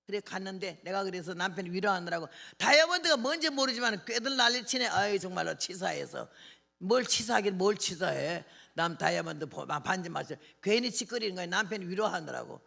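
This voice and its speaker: A woman's voice: medium pitch, animated, brisk, vocal fry, a bit bright. An older woman preaching at a revival meeting, telling folksy anecdotes and acting out dialogue. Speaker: missionary preacher.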